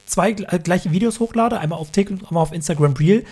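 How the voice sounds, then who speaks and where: A man in his thirties with a slightly high voice chats casually as a podcast co-host. He is opinionated and talkative, and laughs between his points. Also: fast, a little mellow, slightly rough. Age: 30s. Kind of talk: casual chat. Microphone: remote call from home.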